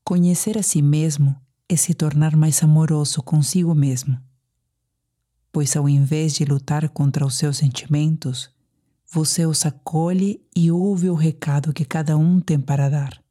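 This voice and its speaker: A Brazilian-accented woman guides a sleep meditation in a voice that sits low for a woman, with a dark, relaxed tone. She phrases things deliberately and soothingly, leaving gentle pauses.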